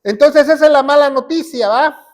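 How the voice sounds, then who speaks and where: A man's voice: extremely high pitch, moderate pace. A male pastor preaching a sermon, emphatic and repetitive, often quoting scripture. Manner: emphatic preaching, repeats phrases, quotes scripture. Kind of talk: sermon teaching.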